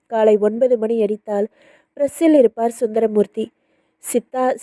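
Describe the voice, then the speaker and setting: A woman narrating a story in a calm, even reading manner. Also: on the high side, no room sound.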